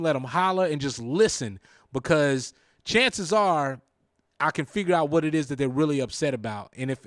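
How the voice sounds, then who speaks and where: A man hosting a talk show, telling stories in a lively, animated way with a Southern American accent. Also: on the high side, no echo, clean studio sound. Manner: animated storyteller, acts out quoted lines. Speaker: radio show host. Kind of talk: casual talk show chat.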